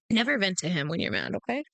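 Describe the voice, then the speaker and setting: A woman co-hosting a podcast in casual chat, blunt and animated, cursing freely. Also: mid-range voice, moderate pace, creaky, no echo. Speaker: podcast co-host.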